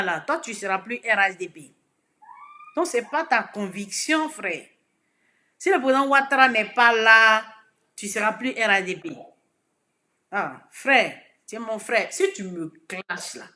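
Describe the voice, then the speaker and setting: A woman with an Ivorian accent giving advice straight to camera. She swings from shouting to soft, low pleading and repeats words for emphasis. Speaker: political social media commentator. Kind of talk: direct-to-camera message.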